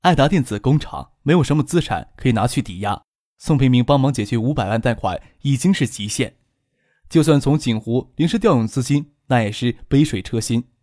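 A man reads an audiobook in a steady, unhurried storytelling voice. His pitch sits in the middle of the male range. The recording is dry and close, with no room sound. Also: no echo. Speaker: audiobook narrator. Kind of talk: scripted audiobook narration.

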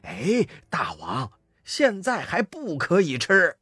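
A storyteller voicing a cunning little demon vanguard who talks quickly and schemes. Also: mid-range voice, huge pitch swings, bright, forceful tone, husky, dry recording, studio quality, heavily acted. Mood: scheming. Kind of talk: storybook character voice.

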